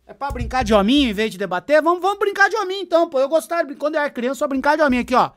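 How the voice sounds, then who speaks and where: A man's voice: very high-pitched, expressive, racing. A man, giving sarcastic, teasing live commentary as he reacts to a debate for his chat. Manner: sarcastic, teasing, swings from loud to muttered.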